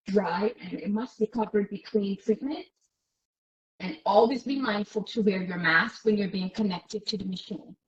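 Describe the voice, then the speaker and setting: Woman on a breaking-up call line. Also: mid-range voice. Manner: earnest, advising. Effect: choppy, breaking-up online call audio. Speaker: patient speaker. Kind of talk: webinar presentation. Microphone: remote call microphone, too far off. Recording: dull, lo-fi call audio that breaks up.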